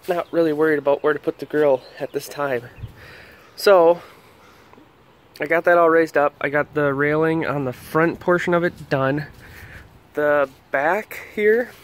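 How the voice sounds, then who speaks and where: A man casually explaining his deck repairs while walking around his yard outdoors, rambling with plenty of ums and restarts. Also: a little high. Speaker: homeowner vlogger. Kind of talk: casual walkthrough vlog. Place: backyard outdoors.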